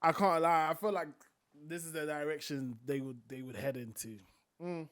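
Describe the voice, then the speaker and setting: A man's voice: on the high side, normal speed, a bit bright, dry recording, clean studio sound. A man hosting a reaction video, chiming in with short offhand remarks and casual opinions.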